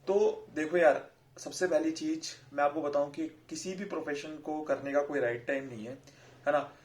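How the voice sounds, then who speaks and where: A man's voice: fairly high pitch, steady tone, normal speed, a little mellow. A man giving casual career advice to his viewers, chatty and repetitive. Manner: chatty, repeats fillers like "theek hai". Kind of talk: casual advice talk to camera.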